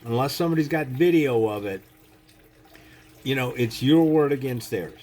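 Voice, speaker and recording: A man's voice: medium pitch, moderate pace, darkish tone. A man giving a casual spoken lesson on self-defense, talking bluntly with frequent "you know" and "okay?" and swearing casually. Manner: acts out quoted speech.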